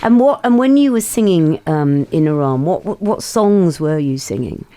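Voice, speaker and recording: A female radio presenter with a lowish, mellow voice asks her guests short, encouraging questions. The sound is dry and close, straight from the studio mic. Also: expressive, normal speed, no echo. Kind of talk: radio interview.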